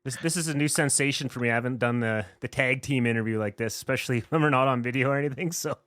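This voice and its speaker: A man's voice: medium pitch, quick pace, fairly bright tone, no echo, clean studio sound. A man co-hosting a casual radio interview, upbeat and teasing, laughing a lot. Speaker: radio show co-host.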